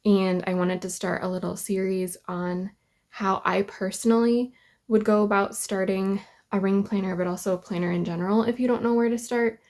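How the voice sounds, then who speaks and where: A woman's voice: mid-range voice, flat delivery, normal speed, a little mellow. A woman talking casually to camera about planners, a bit nasal from a head cold, hesitant with many ums. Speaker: planner vlogger. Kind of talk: casual vlog talk.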